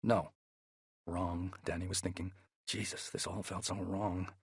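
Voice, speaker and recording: A man narrating a thriller audiobook in a measured, steady way, close to the mic. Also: deep voice, vocal fry, breathy edge, no echo.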